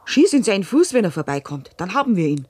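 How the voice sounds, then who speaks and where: A woman playing a calculating village widow in a radio play, speaking in a flat, plotting way. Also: medium pitch, fast, slightly rough. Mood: scheming. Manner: matter-of-fact, plotting.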